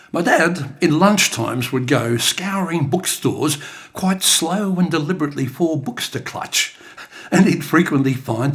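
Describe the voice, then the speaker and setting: Gravelly older poet, lively delivery. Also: male voice, mid-range voice. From Australia. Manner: expressive, dramatic recitation. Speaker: bush poet. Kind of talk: recited performance poetry. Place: creative studio.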